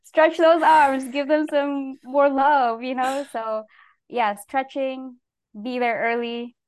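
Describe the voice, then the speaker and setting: A woman's voice: high voice, slow, clear, resonant tone. A young adult woman from the Philippines, a guest talking casually in an interview with many filler words. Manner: relaxed, lots of "like" fillers, laughs between phrases.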